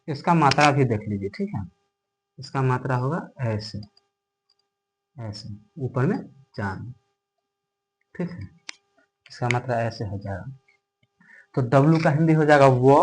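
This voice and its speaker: A man with a mid-range, somewhat dark voice gives a classroom-style lesson on English pronunciation, explaining step by step. He poses questions and answers them himself, often checking in with viewers by saying "okay?". The recording quality is low.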